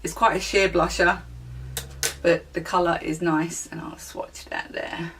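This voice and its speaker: A woman beauty vlogger in a relaxed, chatty product review, with plenty of ums and small self-corrections. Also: lowish voice, unhurried, far from the mic, slight background noise. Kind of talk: casual product review chat.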